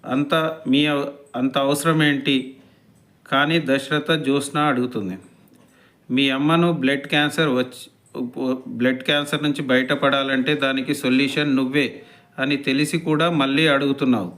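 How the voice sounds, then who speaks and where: A man's voice: medium pitch, flat delivery, moderate pace, long pauses, fairly bright tone. A man retelling a TV serial episode, quoting each character's lines in a plain narrating voice.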